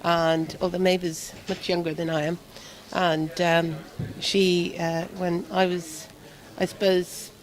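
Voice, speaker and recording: A middle-aged woman telling stories in a warm, rambling way during a casual interview. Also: fairly low pitch, flat delivery, slow, few pauses, low-quality recording. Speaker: volunteer at the event.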